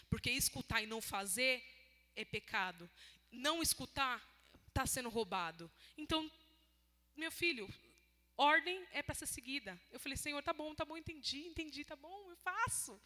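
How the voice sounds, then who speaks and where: A woman's voice: sits high, sharp tone. A woman preaching a sermon, retelling her talks with God and closing in fervent prayer. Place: church hall. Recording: long church hall reverb.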